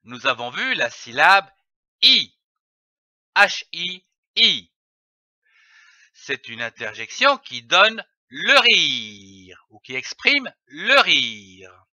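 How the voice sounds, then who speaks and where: A man teaching a reading lesson, spelling out syllables slowly and clearly with emphatic delivery. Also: on the high side, very animated, pushed and bright, dry recording, highs cut off. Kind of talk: slow, deliberate reading lesson.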